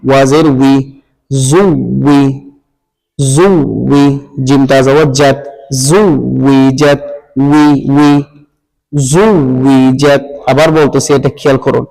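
A man teaching Quran reading, patiently spelling out each syllable and blending them in a slow, repetitive drill. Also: mid-range voice, little pitch movement, darkish tone. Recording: long hall reverb.

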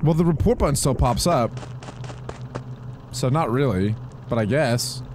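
A man's voice: mid-range voice, lively intonation, a little slow, background noise. A young man co-hosting a reaction video, teasing his friends in playful casual banter. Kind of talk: casual group reaction chat.

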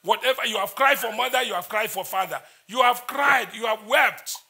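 High, bright-voiced preacher prophesying. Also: male voice, normal speed, gravelly. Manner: intense, repetitive, declaring prayers. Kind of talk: prophetic church ministry.

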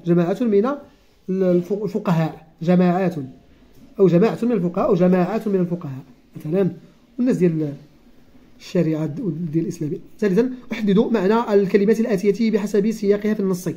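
A teacher with a Moroccan accent explaining a textbook lesson, repeating key words and reading textbook lines slowly. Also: mid-range voice, mellow. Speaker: primary school teacher.

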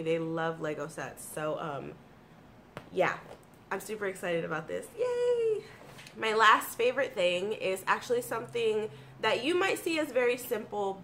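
A casual favorites vlog features an American woman in her thirties, a streamer and video blogger, talking to camera at her computer desk in a small home room. Her mid-range, fairly bright voice is congested and slightly froggy from allergies, and her manner is informal, excited and self-deprecating. Clear room noise sits behind her.

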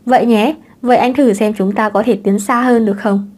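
A woman's voice: a little high, steady tone, a little fast, darkish tone, lightly acted. A woman voicing a brazen, cheeky young divorced mother in an audiobook romance. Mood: teasing.

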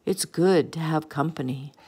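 A woman reading a storybook aloud and voicing a gentle male whale who speaks slowly and deeply. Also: slightly rough. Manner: slow and deep. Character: slow deep-voiced gentle male whale.

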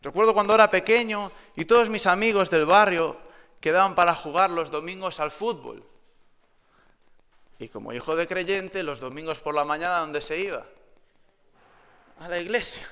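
A young man with a Galician accent delivers a sermon, moving from personal anecdotes to pointed rhetorical questions. His voice sits a little high, gravelly yet smooth and resonant. The recording carries a long reverb from the church hall. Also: normal speed, long pauses, fairly bright tone. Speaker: preacher.

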